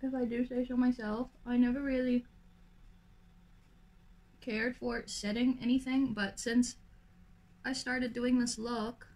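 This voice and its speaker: A young woman with a raspy, lazy voice chatting casually through a makeup tutorial, full of fillers. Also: on the high side, little pitch movement, unhurried, pauses often, a little mellow. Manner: lazy, laid-back delivery full of fillers. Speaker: makeup vlogger.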